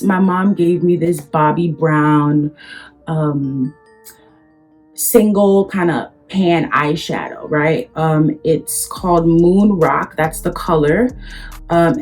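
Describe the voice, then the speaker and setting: A woman's voice: sits low, a little mellow. A young woman chatting casually to viewers while doing her makeup, calling them girl and child. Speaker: beauty vlogger. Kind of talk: casual makeup tutorial chat. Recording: faint music under voice. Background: faint background music.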